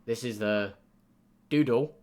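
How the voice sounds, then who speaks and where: A man's voice: medium pitch, slow pace, darkish tone. A young man hosting a casual podcast chat with friends, running a dog vote and easily amused. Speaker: podcast host.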